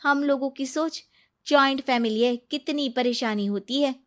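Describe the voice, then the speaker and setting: A woman's voice: high voice, normal speed, close to an everyday voice. A woman voicing a cheerful young wife who teases and advises her friend in a cartoon story. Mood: teasing. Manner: teasing, lively. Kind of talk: cartoon voice acting.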